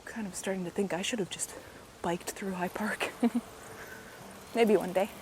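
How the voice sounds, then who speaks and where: A woman with a cold-roughened, raspy, slightly deep voice gives casual commentary while walking through a park, vlogging on a handheld gimbal camera and often speaking in soft asides. She's a little slow, with a bit of hiss or hum and faint outdoor ambience.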